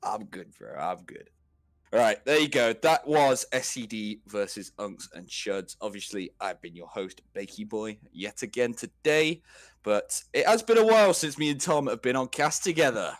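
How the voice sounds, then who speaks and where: A man's voice: mid-range voice, moderate pace, dry recording, studio quality. A man hosting an esports cast, chatting casually with fillers and frequent laughs. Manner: relaxed, chatty, laughs often, filler words. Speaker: esports caster and host.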